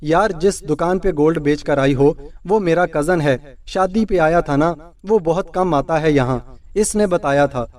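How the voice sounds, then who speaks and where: A man's voice: fairly high pitch, darkish tone, far from the mic, natural voice. A man voicing a tired, feverish young husband who mutters wearily and snaps in irritation. He keeps close to his own voice, set back from the mic. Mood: weary.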